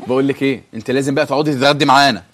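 A man's voice: mid-range voice, steady tone, rapid-fire, fairly bright tone. A man with an Egyptian accent acting an exasperated husband in a comedy sketch, ranting and teasing. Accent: Egyptian Arabic.

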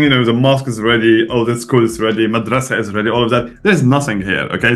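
A man in his thirties talks over a webcam from a room at home, with faint music underneath. He explains his views bluntly and pushes key points with lively emphasis. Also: mid-range voice. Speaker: guest. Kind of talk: video call interview. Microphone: webcam on video call.

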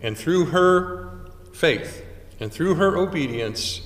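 A man in his sixties preaching a sermon from a pulpit in a small chapel, with measured delivery and dramatic pauses. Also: fairly high pitch, lively intonation, fairly bright tone. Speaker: chaplain. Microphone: stand mic at pulpit, far camera. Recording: roomy chapel echo from far off.

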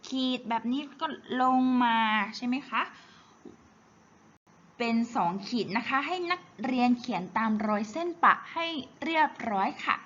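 Slow careful woman teacher, repeats each sound clearly, faint hiss behind. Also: fairly high pitch, animated, a bit bright. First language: Thai. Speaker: Chinese teacher. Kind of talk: slow, patient worksheet walkthrough. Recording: slightly dull, faint hiss.

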